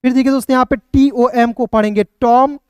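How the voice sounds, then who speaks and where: A man teaching an online phonics lesson, breaking words into letters and then sounding them out slowly. His voice is smooth and clear, recorded close and dry with no room sound. He keeps turning to his viewers and checking that they follow. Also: very high-pitched, steady tone, darkish tone, no room sound. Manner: keeps addressing viewers as friends and checking with "okay". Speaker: English teacher.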